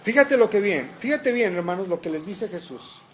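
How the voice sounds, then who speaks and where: Male preacher, high animated voice, questions the congregation, reads scripture. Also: normal speed, slight background noise. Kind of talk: sermon.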